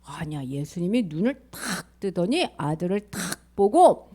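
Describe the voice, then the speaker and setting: A woman leading a children's sermon, telling a story in an animated way and asking the children questions. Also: lowish voice, a little slow.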